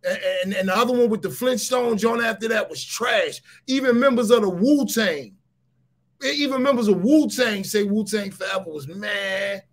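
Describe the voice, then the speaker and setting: A man runs a casual livestream in a fairly high, husky voice. He talks straight to his viewers in an animated way. He drives each point home by repeating it and often raises his voice to a shout. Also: moderate pace. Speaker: livestream host.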